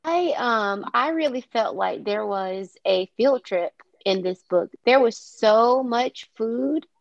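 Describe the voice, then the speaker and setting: A woman's voice: fairly high pitch, expressive, slow pace, gravelly, no echo, muffled recording. A woman teacher talking casually in a book club discussion, chatty and hesitant, with fillers and restarts.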